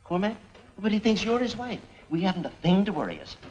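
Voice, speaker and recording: A man's voice: sits high, sing-song, a little fast, darkish tone, highs cut off. An actor playing a jittery, pleading young man in 1930s screwball comedy banter, on an old film soundtrack. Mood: reassuring, urgent.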